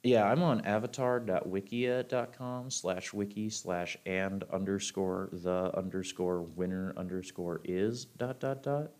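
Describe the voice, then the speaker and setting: A man's voice: low voice, fairly even intonation, slow, hardly any pauses, darkish tone. A man co-hosting a casual podcast, rambling and often breaking off mid-sentence, laughing easily. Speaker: podcast co-host.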